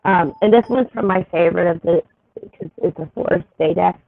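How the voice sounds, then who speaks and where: A woman's voice: on the low side, vocal fry, a crowd in the background. Woman muffled as if through a wall. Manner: unhurried, with many fillers while reading a card. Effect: muffled, as if heard through a wall. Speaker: tarot reader and co-host. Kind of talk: casual livestream chat. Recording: muffled, phone-like online call audio.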